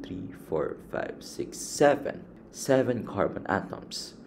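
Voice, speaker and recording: Slow, patient male teacher with a low voice. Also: vocal fry, a little mellow, slight background noise. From Philippines. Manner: slow, patient, counts items aloud. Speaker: chemistry teacher. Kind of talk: step-by-step classroom explanation.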